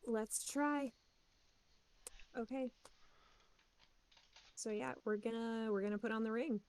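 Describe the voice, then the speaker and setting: A woman's voice: fairly high pitch, takes it slowly, a little mellow. Eager woman player at the table. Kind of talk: casual chat during a tabletop game.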